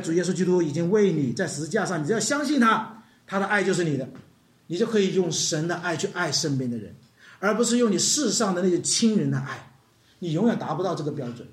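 A high-voiced male preacher delivers a lively sermon, with his pitch swinging widely as he questions the congregation. His voice rings through an echoey room. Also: fairly quick. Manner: animated, questioning the congregation, acting out stories.

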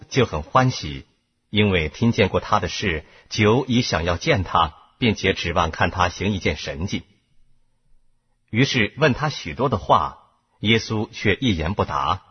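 A man reading a chapter of scripture aloud, lifting his voice where the crowd shouts. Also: fairly low pitch, slightly rough. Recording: dull lo-fi recording.

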